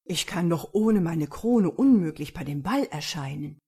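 A woman's voice: fairly low pitch, lively intonation, a little slow, warm tone, breathy edge, exaggerated voice. A woman doing a fretful, muttering old king. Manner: muttering to himself. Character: fussy old king who lost his crown.

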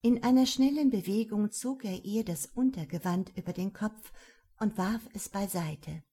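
A woman narrating a novel in a calm, even storytelling manner. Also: mid-range voice, normal speed, husky. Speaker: audiobook narrator. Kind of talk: scripted narration.

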